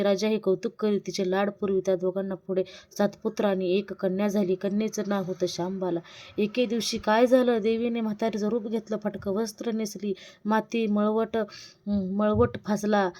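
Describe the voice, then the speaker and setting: A woman tells an old devotional tale in an even, level voice that hardly rises or falls. Her tone is mellow and soft. She reads steadily, pausing over a word now and then and slowing down for the characters' lines. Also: medium pitch. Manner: reads a religious vow tale aloud, with small restarts and slowed quoted lines. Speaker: storyteller. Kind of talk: devotional story narration.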